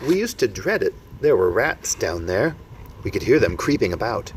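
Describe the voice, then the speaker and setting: A man's voice: on the low side, normal speed. A man voicing a plucky young orphan girl who answers plainly and matter-of-factly. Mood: resentful. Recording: steady background noise.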